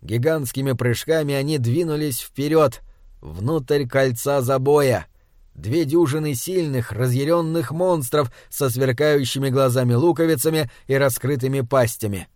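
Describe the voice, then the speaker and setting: A man narrating an audiobook in a measured, dramatic reading. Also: medium pitch, a little mellow, no echo, studio quality.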